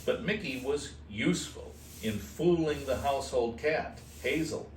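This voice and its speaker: At an animal shelter, a man with a medium-pitched voice reads a picture book aloud to shelter kittens, unhurried, animated, and playful, tossing in casual asides. The indoor room sounds roomy, captured by a distant mic with faint noise.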